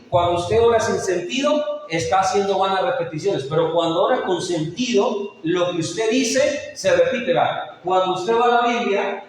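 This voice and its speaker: A man's voice: sits high, slight background noise. A man preaching a sermon as pastor, calling his listeners brother and asking them questions. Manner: addresses listeners as brother, asks rhetorical questions. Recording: echoey hall, voice from far off.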